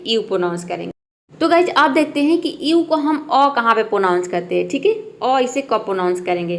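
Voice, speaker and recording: A middle-aged woman teaching a basic lesson in a patient, repetitive way, often checking in with listeners. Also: high voice. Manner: patient, repeats "theek hai" often. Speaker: English teacher. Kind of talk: classroom-style lesson.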